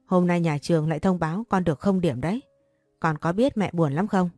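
A woman voicing a doting, flustered father who coaxes his young daughter, in a low, dark reading voice. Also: fairly quick, no room sound, faint music behind, close to an everyday voice. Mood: scolding. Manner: coaxing, then scolding.

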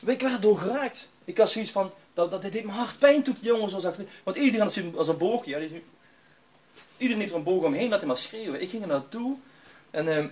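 A man's voice: high-pitched, animated, fast, darkish tone. Emphatic middle-aged male preacher. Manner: emphatic, repetitive, conversational with tag questions. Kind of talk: personal testimony sermon.

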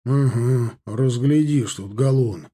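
A man voicing a gruff, grumbling soldier in an audiobook, muttering wry complaints. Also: mid-range voice, slow, warm tone.

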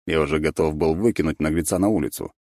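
A man narrating a story in the first person, wry and expressive. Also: a bass voice, quick pace, dry recording, clean studio sound. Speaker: audiobook narrator.

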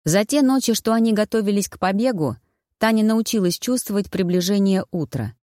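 An audiobook narrator reading a fantasy story in a steady, even storytelling manner. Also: mid-range voice, fairly quick, no room sound, studio quality. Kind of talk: scripted narration.

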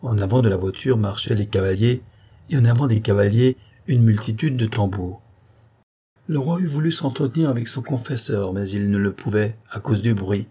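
A man narrates a classic novel in a measured, dramatic reading. His voice is low-pitched and dark. It has a slightly husky edge. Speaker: audiobook reader. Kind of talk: scripted literary narration.

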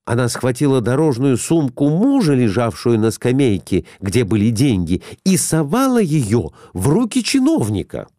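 A man narrating classic prose aloud in an expressive, theatrical reading style. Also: medium pitch, normal speed, few pauses, no room sound, clean studio sound. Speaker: audiobook reader.

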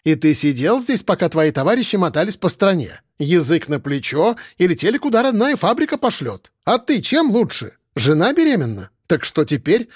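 A man voicing a domineering shouting female factory boss. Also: fairly high pitch, sing-song, moderate pace, no room sound, clean studio sound, pitched above the performer's own voice. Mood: scolding. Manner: bellowing, scolding.

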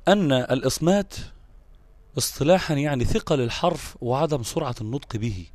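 A man's voice: mid-range voice, lively intonation, a little fast, a little mellow, no echo. A man with an Egyptian Arabic accent teaching Quran recitation in a live online lesson, explaining patiently, repeating terms and checking in with his listeners.

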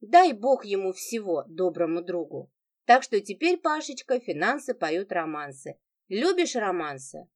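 A woman's voice: medium pitch, sing-song, a little slow. A woman doing a sneering, venomous wife. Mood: mocking. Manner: sarcastic, sneering, biting.

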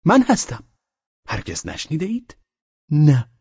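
A man voicing a bold, arrogant young man of about nineteen who speaks in a measured, haughty way in an audiobook. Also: a little high, wildly swooping pitch, gravelly, darkish tone, slightly rough, no room sound, lo-fi sound, pitched above the performer's own voice, heavily acted. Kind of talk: audiobook character voice.

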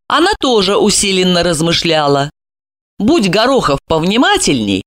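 A woman narrating an audiobook in an expressive storytelling manner. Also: low-pitched.

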